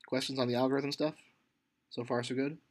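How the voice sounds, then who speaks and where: A man's voice: mid-range voice, level tone, brisk. A man teaching a computer science class, talking casually with many fillers and restarts as he thinks aloud. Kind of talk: lecture.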